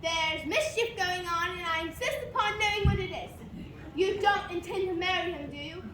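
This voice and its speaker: A woman's voice: very high-pitched, normal speed, fairly bright tone. A woman playing a domineering, scolding rich old aunt in an amateur stage play, heard from afar in an echoing room with some noise. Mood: imperious. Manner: imperious, scolding. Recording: distant, echoey room, faint noise.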